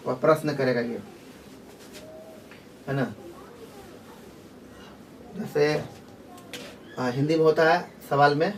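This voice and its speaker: A male teacher from Jharkhand explains grammar in a casual, rambling way, with frequent fillers and restarts. His medium-pitched voice has a darkish tone. Slight background noise and faint outdoor sound are present, since he was recorded from a distance.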